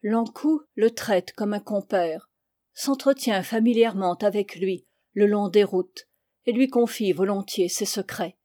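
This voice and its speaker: A woman reading a story aloud in a measured, expressive way. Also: medium pitch, no echo, clean studio sound. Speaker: reader. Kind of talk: audiobook narration.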